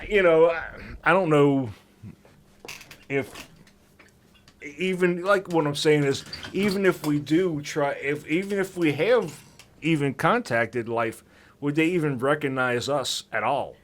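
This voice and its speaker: Guy on a podcast, kinda high voice, curses a lot, gets worked up. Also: measured pace. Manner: profane, animated when acting out scenes. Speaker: podcast co-host. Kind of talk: casual chat.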